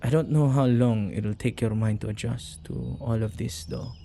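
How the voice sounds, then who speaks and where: A man's husky, gravelly voice plays a witch who hangs around with ghosts, full of excitement and care, in a conversational ASMR roleplay spoken up close. The pitch is mid-range, the pace normal, the acting light, with a faint hiss or hum and a casual, teasing mood.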